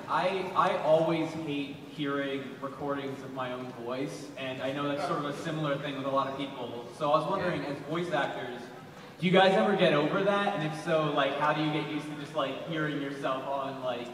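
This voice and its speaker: Hesitant young fan asking a question. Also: male voice, fairly high pitch, steady tone, normal speed, fairly bright tone. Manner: hesitant, many fillers. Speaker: audience member asking a question. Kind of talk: question at a convention panel. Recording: echoey hall from far off, crowd.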